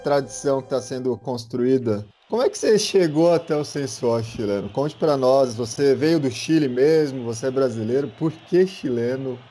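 A man's voice: medium pitch, moderate pace, few pauses, mellow, soft background music. A man hosting a casual podcast, interviewing a guest in a playful, teasing way. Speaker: podcast host.

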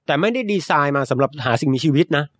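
A young man from Thailand talks through science news in a relaxed, chatty podcast manner. His voice sits a bit high and sounds dry and close to the mic, with little room around it. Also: very fast, dry recording. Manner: explanatory, chatty, adds polite particles. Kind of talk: casual science chat.

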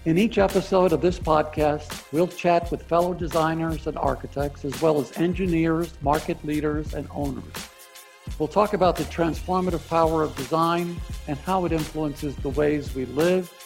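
Hosting a design podcast interview, a middle-aged man speaks at normal speed in a fairly high, fairly even voice over soft background music. He's friendly and loose but hesitant, with lots of "uh" and restarts.

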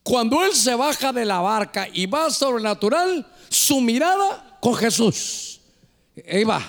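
A man's voice: very high-pitched, big pitch swings, measured pace, gravelly, fairly bright tone, big-room sound. A male pastor preaching a passionate sermon, constantly calling out to the congregation. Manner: impassioned preaching, calls listeners "hermano". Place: church sanctuary with monitors. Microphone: handheld microphone.

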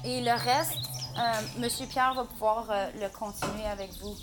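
A woman reading a story aloud to a class in a slow, soft, measured way. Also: a little high, fairly even intonation, over music.

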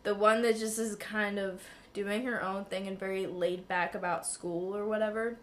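A young adult woman with a raspy, hoarse voice like a smoker's, partly lost from flu, chatting casually in a wry, self-deprecating way. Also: mid-range voice, fairly even intonation, moderate pace. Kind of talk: casual chat.

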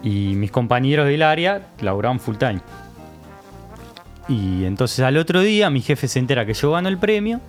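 A man's voice: medium pitch, normal speed. Young porteño guy telling a story on a podcast, acts out the voices, faint music behind. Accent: Rioplatense Spanish. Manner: animated storyteller, acts out quoted dialogue. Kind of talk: casual podcast chat.

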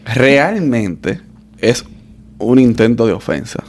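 A man with a Dominican Spanish accent, hosting a casual podcast chat, relaxed and playful. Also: mid-range voice, takes it slowly. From Dominican Republic. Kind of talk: casual conversation.

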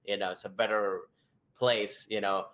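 Lower-voiced man. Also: level tone, a little slow, a bit bright. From Venezuela. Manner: rambling, repeats "I mean". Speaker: podcast co-host. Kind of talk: casual podcast chat.

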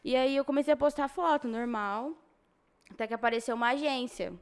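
A young woman speaks Brazilian Portuguese in a fairly high voice. She talks as a guest in a casual interview, in informal, slangy phrasing, often voicing reported dialogue as she tells her story. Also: a little fast, clear, resonant tone.

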